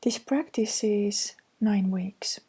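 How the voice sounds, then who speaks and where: A native Estonian speaker with an Estonian accent, this woman works as an anxiety counselor and reads course slides aloud gently and softly. Her mid-range voice is husky and slow.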